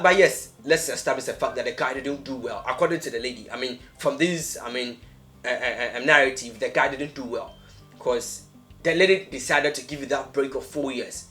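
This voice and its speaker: A young man with a Ghanaian accent and a medium-pitched voice hosts a casual podcast. He talks conversationally and repeats phrases to drive a point home. Music plays behind his voice. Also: sharp tone. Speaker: podcast host.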